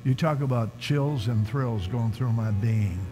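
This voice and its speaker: At a conference, a man preaches a sermon, telling a story emphatically and calling out to the congregation in a mid-range voice at a slightly slow pace. The large hall is reverberant, with background noise and faint music underneath.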